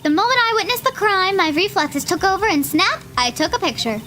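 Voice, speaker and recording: A woman's voice: very high voice, lively intonation, a little fast, sharp tone, slight background noise, pitched above the performer's own voice, exaggerated voice. A woman reading aloud as a haughty, taunting female lunch lady witness in a courtroom game. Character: sharp-tongued adult female ex-detective lunch lady witness.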